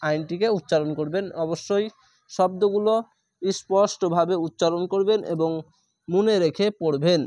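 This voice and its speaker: Man spelling out a recitation lesson slowly. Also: sits high, dark tone, dry recording. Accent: Bangladeshi Bengali. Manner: slow, drawn-out letter-by-letter spelling, then chanted recitation. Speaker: Quran reading teacher.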